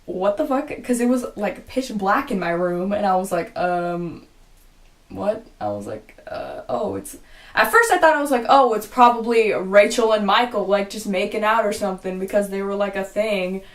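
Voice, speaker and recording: A young woman casually telling a storytime vlog, rambling with lots of "like" and swearing, and quoting her own reactions in a hushed voice. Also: medium pitch, fairly quick. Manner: rambling, heavy use of "like", frequent swearing. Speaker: vlogger.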